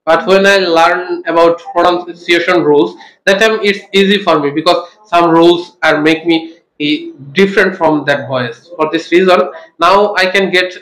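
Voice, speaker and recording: A young Bangladeshi student answers in very slow, halting English, pausing often to find words. His voice is slightly high. The classroom sound is echoey. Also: fairly bright tone. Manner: halting English with pauses, occasional coughs.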